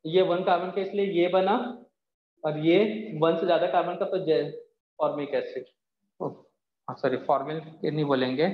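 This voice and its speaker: A man teaching a chemistry class, patient and explaining step by step while answering students' doubts. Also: on the high side. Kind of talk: live online class. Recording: echoey, dull lo-fi sound.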